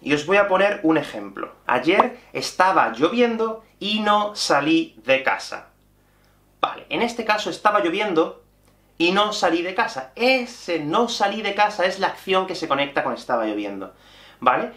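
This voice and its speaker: Speaking at a moderate pace in a high-pitched voice, a male Spanish teacher from Spain runs a lively online class, hands moving constantly as he explains. A camera at mid-shot distance captures him in a small, echoey room furnished with a bookshelf and whiteboard.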